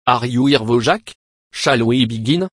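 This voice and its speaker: A man's voice: mid-range voice, unhurried, dry recording, studio quality, close to an everyday voice. A man voicing a pompous, mocking, foul-mouthed host of a cartoon parody game show. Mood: sneering showmanship.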